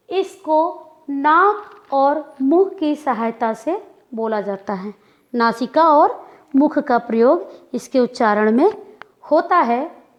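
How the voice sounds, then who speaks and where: A woman teaching Hindi grammar in a lecture style, speaking deliberately and repeating example words to demonstrate how they sound. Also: high voice, muffled recording.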